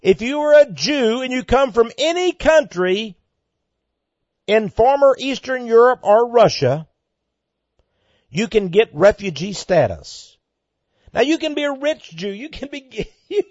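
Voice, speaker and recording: A man's voice: extremely high pitch, a little mellow, dry recording. A man hosting a ministry program, reading listener letters aloud and answering them in an emphatic preaching way, his voice climbing sharply when he gets worked up. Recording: dull lo-fi dry recording.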